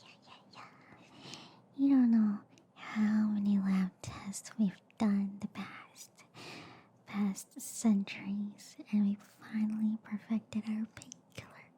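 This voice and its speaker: An ASMR performer voices a quirky alien girl doctor in a soft roleplay, whispering in a hushed, breathy way at a level, mid-range tone. She's playful and reassuring, slow and chatty, soothing the listener while repeating filler words.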